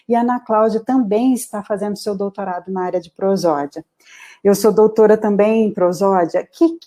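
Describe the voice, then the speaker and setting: A middle-aged woman speaking as the guest expert in a live online interview, explaining at length in an animated, emphatic way over a video call. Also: mid-range voice. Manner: animated, lecturing, emphatic slowdowns.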